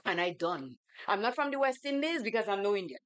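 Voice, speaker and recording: A Grenadian woman co-hosting a radio show, telling a story with lively acted-out quotes. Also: mid-range voice, fairly quick, clean tone, no echo. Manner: animated storyteller, acts out quoted voices. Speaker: radio co-host. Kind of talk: casual radio talk with storytelling. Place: radio studio.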